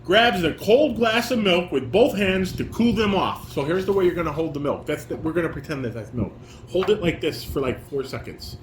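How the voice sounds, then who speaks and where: Speaking high-pitched and animated at a moderate pace, a middle-aged dad guides his family through a table read, reading stage directions and correcting them step by step by example. The home recording is roomy and echoey, with background noise.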